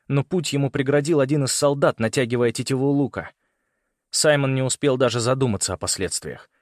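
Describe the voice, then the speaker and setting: A man narrating an audiobook in a measured, dramatic storytelling manner. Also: mid-range voice, no room sound, clean studio sound. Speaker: audiobook reader.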